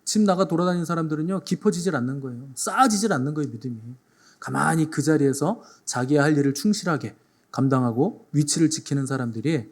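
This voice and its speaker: Animated man preaching a sermon. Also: fairly high pitch, fast. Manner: animated storytelling, acting out quotes, addressing the congregation. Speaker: pastor.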